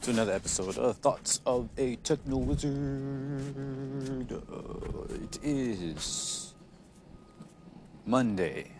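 A man hosting a casual, reflective solo podcast in a halting, hesitant way, pronouncing his r's like w's. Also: mid-range voice. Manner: says w for r, soft r sounds; hesitant, halting, with frequent chuckles. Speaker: podcast host. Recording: noticeable background noise.

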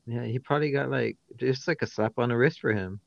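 Gravelly laid-back young man on lo-fi mic. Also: medium pitch, brisk, no echo. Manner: laid-back, slangy, rambling. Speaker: podcast co-host. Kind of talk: casual chat.

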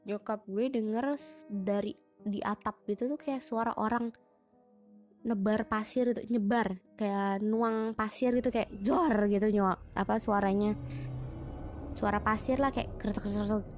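A young woman tells a ghost story in loose, slangy chat. She talks with plenty of restarts and fillers, at a middling pitch. Music plays clearly underneath her voice. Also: a little mellow. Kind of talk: casual spoken ghost story.

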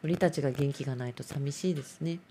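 A woman's voice: a bass voice, quick pace, warm tone, a little hiss or hum. A middle-aged woman hosts a casual solo talk show, rambling and self-mocking.

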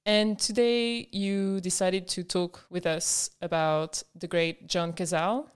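Smooth low-voiced woman host. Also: fairly even intonation, slow pace. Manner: friendly, laughs often. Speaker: podcast host. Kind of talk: podcast interview.

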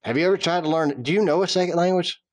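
His voice sits high and he talks fast. He's a podcast co-host with a Southern accent, joking around in a dry, self-deprecating manner during casual conversation.

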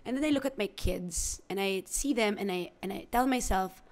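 A woman, an actress speaking as an interview guest in a reflective, halting way with many restarts. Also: mid-range voice. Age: 30s. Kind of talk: candid interview talk.

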